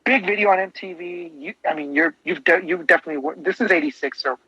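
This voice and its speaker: On a casual music podcast, a male co-host talks eagerly about albums, wandering off and restarting his sentences. He has a high-pitched, sharp, slightly rough voice and speaks quickly. The recording is dull lo-fi podcast audio with no room sound.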